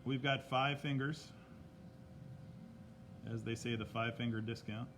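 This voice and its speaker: A man's voice: mid-range voice, steady tone, unhurried, background noise. A man chatting casually while leading a drawing lesson to a live audience, greeting viewers by name along the way. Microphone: tablet microphone.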